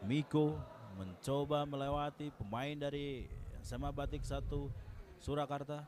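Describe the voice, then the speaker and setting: A man's voice: a little high, fairly even intonation, measured pace, darkish tone. A man with an Indonesian accent doing live play-by-play futsal commentary, playfully teasing the players by name.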